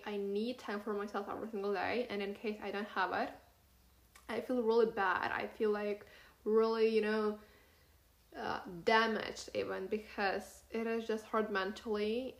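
A woman's voice: mid-range voice, a bit bright. Teen girl rambling on her podcast, lots of "like" and "you know", sore mouth from braces, kinda roomy echo. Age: teens. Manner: chatty, rambling, many fillers and "you know". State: talking through a sore cut cheek from braces. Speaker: podcast host. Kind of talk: casual solo podcast monologue. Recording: echoey room.

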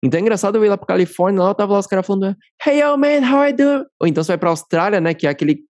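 A man's voice: high-pitched, fairly even intonation, rapid-fire, a little mellow, no echo. A man from Brazil, hosting a podcast in a talkative, friendly way. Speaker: podcast host. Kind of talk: casual interview chat.

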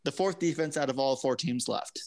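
A man's voice: medium pitch, fairly quick. A man co-hosting a sports podcast, defending his picks and laughing things off. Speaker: podcast co-host. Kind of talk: casual sports chat.

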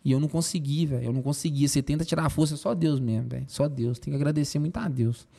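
A young man, a podcast guest telling a personal story in an emotional, animated way with lots of slang fillers. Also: on the high side, racing, creaky.

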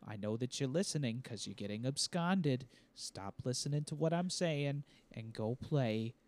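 A man's voice: mid-range voice, lively intonation, normal speed. A young adult man co-hosting a casual gaming podcast, talking in a rambling, self-deprecating, jokey way. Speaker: podcast co-host.

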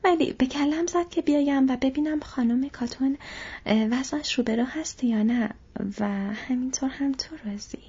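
A woman's voice: high-pitched, warm tone, husky, pitched above the performer's own voice. A woman reading the part of a loyal, brave young male hobbit in an audiobook, in an earnest, eager voice. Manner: eager, raised urgent calls. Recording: dull lo-fi audio.

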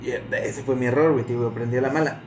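A young Mexican man with a Mexican accent, telling a story in casual chat, slangy and animated, saying güey constantly. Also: medium pitch, very fast, echoey room, slight background noise.

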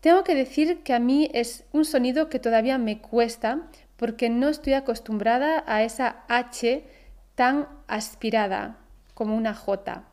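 Slow, careful Spanish woman teaching. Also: fairly high pitch, a little mellow. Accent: Spain. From Spain. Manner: slow, careful pronunciation of example words. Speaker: Spanish teacher, podcast host. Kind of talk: scripted podcast lesson.

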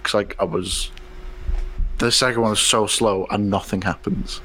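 A man's voice: on the low side, fairly even intonation, normal speed, sharp tone, slight background noise, low-quality recording. A man chatting casually as a co-host on a podcast. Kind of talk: casual chat.

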